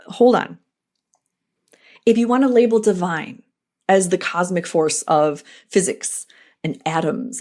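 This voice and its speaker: On her own podcast, a middle-aged host with a medium-pitched voice talks through personal reflections. Her monologue is earnest and animated, sprinkled with frequent asides.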